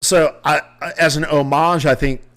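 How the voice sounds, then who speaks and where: A man's voice: on the high side, steady tone, moderate pace, fairly bright tone. Chatty man with a country accent. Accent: Southern US country. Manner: rambling, self-correcting, opinionated. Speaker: podcast host. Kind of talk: casual solo commentary.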